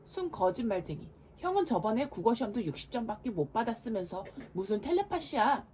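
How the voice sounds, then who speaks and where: A woman voicing an excitable, indignant little boy who whines and shouts at his big brother in a storybook. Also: deep voice, moderate pace, creaky, a little hiss or hum, voice pushed down, full character voice.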